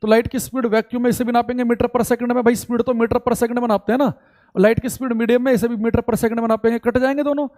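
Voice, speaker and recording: High-voiced male teacher dictating notes. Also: little pitch movement, darkish tone. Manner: addresses students as bhai, repeats key points slowly for dictation; scolding and exasperated about audio complaints. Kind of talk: live online class lesson.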